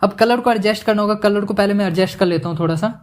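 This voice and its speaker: Chatty man teaching animation software. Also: sits high, quick pace. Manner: chatty, joking asides, mixes English words into Hindi. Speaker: animation tutorial instructor. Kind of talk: casual screen-recorded software tutorial.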